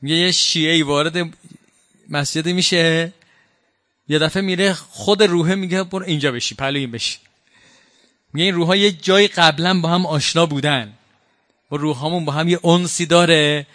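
Male preacher, fairly high voice, dry close sound, conversational lecture, slow recited quotes. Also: fairly bright tone, no room sound. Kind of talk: religious lecture.

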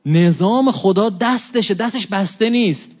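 A man delivers a religious lecture in a high, lively voice. He slips into the voices of the people in his stories, rising sharply and then dropping low. The recording is muffled and lo-fi. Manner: animated, acts out quoted exchanges with rises and drops in voice. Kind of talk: religious talk to an audience. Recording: dull lo-fi recording.

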